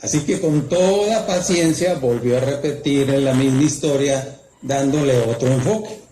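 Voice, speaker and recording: A man's voice: fairly high pitch, dark tone. A man preaching a campfire sermon, telling a story and asking rhetorical questions. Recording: roomy echo, faint background noise.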